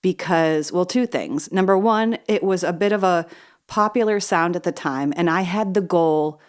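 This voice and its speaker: Chatty woman podcaster, low voice. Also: normal speed. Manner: chatty, self-deprecating, wanders off on tangents. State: slightly wheezy from asthma. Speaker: podcast host. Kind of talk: solo storytelling podcast.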